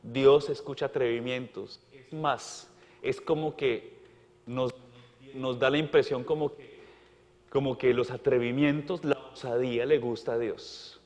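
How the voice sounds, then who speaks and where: A man's voice: mid-range voice, steady tone, unhurried, darkish tone. A male priest preaching a homily at Mass, emphatic and full of rhetorical questions, often repeating words. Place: parish church. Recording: church with long reverb.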